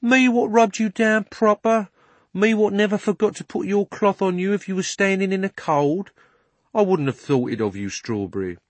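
A man reading aloud gives a cabby, high and loud, with a rough drawl. He grumbles with indignation, blunt and stubborn, like a working man who feels wronged. The storybook voice is dry and close. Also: animated, normal speed, no room sound. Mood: indignant. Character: male cockney cabby, blunt and loyal.

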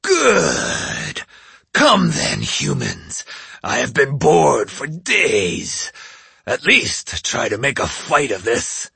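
A man's voice: medium pitch, wildly swooping pitch, very slow, creaky, sharp tone, husky, no echo, exaggerated voice. A man voicing a huge, boastful male oni demon, growling and mocking as he talks. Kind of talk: audiobook character voice.

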